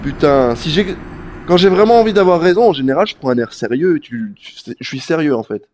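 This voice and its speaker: Animated male game streamer, higher voice. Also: brisk, slight background noise. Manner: animated, talks straight to chat, swears casually. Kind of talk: live gameplay commentary.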